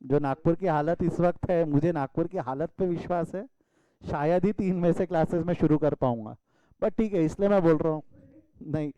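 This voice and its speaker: A man from India teaches a commerce class online, his voice pitched high for a man yet mellow and smooth. The sound is close and dry, with no room in it. He mixes into his teaching and teases his students in a fatherly way. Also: normal speed, no echo, highs cut off. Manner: addresses students as beta, scolds playfully. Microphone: video call.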